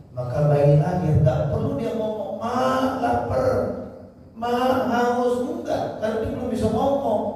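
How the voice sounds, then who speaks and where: A man with an Indonesian accent giving a storytelling sermon in a mosque, acting out conversations as he teaches. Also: a little high. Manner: storytelling, animated, acts out dialogue and a baby's cries. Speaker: preacher. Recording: echoey hall, distant mic.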